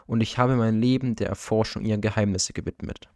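Man doing a proud nervous guardian, respectful but uneasy, lowish voice, dry audiobook sound. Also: steady tone, brisk, a little mellow, no room sound, natural voice. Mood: earnest, uneasy. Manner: firm yet uneasy, respectful speech.

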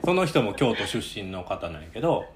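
A man's voice: on the low side, sing-song, a little fast, a loud crowd. A middle-aged man with a Kansai accent, chatting informally as a podcast host. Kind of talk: casual podcast chat. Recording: faint background noise.

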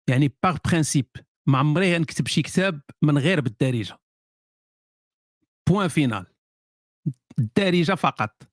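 Moroccan accent guy doing a casual livestream q&a, talks real fast, dry close sound, sardonic, keeps restarting his sentences. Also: a little high, no echo. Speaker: author hosting a live stream. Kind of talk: casual live-stream chat answering viewer questions.

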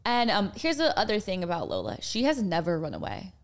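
A woman's voice: mid-range voice, wildly swooping pitch, a little fast. A young woman co-hosting a podcast, telling a story in casual chat with lots of fillers. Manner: chatty storytelling with many fillers. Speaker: podcast co-host.

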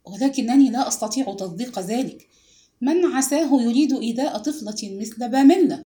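A woman's voice: a little high, brisk, close to an everyday voice. A woman voicing a curt, stern old army major. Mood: curt, shaken. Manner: curt, sharp. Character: stern, reserved retired army major, older man.

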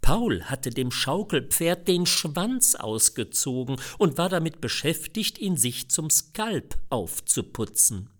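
A man reading a satirical story aloud in an expressive, deliberate, ironic manner. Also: a little high. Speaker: reader.

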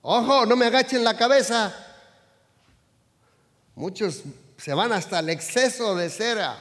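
Older man preaching in an echoing hall. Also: unhurried. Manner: animated preaching, shifting from loud calls to low asides. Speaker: pastor. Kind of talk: sermon. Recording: long hall reverb.

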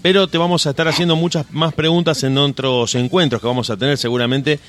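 A man's voice: on the high side, fairly even intonation, fast talker, fairly bright tone. Talkative radio host man. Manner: long flowing sentences, friendly and talkative. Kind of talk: radio interview wrap-up.

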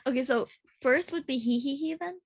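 A woman's voice: high-pitched, normal speed. A young woman chatting casually over a video call, giggly and hesitant with lots of fillers. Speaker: co-host.

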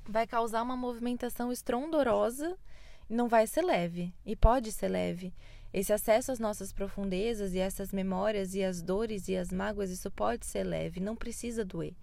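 A woman's voice: a little high, vocal fry, a little mellow, dry recording. A woman in her thirties hosting a spiritual podcast, talking earnestly and from the heart to her listeners. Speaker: podcast host, spiritual guide. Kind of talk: reflective solo podcast monologue.

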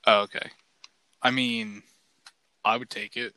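A man with a bright, crisp voice chatting as a podcast co-host. He rambles easily and leans on "like" as filler. The sound is dry and close. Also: lowish voice, measured pace, no room sound, rough recording. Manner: relaxed, rambling, heavy use of "like". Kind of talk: casual chat.

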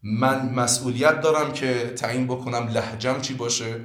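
A man's voice: medium pitch, flat delivery, fairly bright tone, echoey room. A man from Iran who teaches languages, giving earnest, lecturing answers in a podcast interview, with many fillers.

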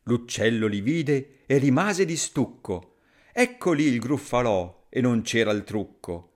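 Expressive man reading a rhyming story. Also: medium pitch, a little slow. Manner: sing-song, expressive.

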